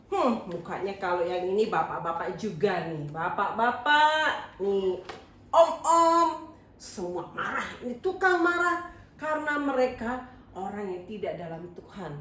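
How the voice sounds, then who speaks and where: A woman's voice: mid-range voice, animated, moderate pace, slight background noise. A woman leading a children's church service, telling a story from a picture book to the children. She talks, keeps asking the children questions and answers them herself. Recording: roomy echo, far from the mic, faint ambience.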